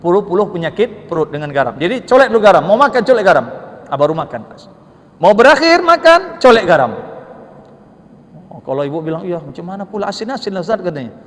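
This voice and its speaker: A man's voice: high-pitched, sing-song, a little fast. A man preaching a mosque sermon, telling stories with humor and asking rhetorical questions. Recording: long reverb of a mosque hall.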